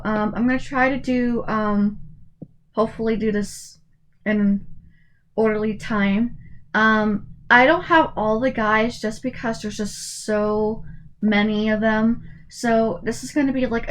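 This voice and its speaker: This YouTuber in her twenties has a fairly high-pitched voice and talks through a tier list casually and haltingly, with lots of fillers and restarts. Her voice fades in and out, and the audio quality is poor.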